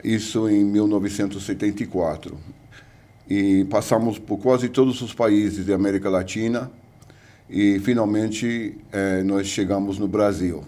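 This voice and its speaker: Slow-speaking older American man. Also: on the low side, steady tone, dark tone. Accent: American English. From United States. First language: English. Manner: hesitant, many filler sounds. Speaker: guest professor. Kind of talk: interview conversation.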